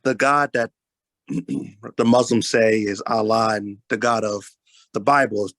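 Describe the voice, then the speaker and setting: A man with a gravelly voice weighs in slowly and carefully as a deacon on a podcast, pausing and clearing his throat. The sound is dry and close. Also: lowish voice, steady tone, a bit bright, no echo. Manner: measured, hesitant, clears throat. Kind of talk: casual discussion.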